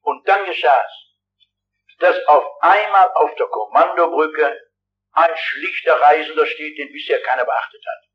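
An older man preaches to a packed hall in a high, urgent voice, pressing his listeners directly. His delivery is fervent and insistent. The recording is dull and lo-fi, with the muffled character of an old archive tape. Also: a little slow. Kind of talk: revival sermon. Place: large hall with a big audience.

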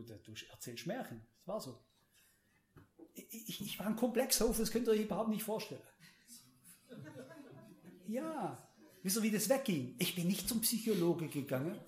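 High-voiced German preacher in an echoey hall. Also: male voice, darkish tone. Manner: emphatic, addresses the audience directly, repeats words. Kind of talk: sermon. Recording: roomy echo.

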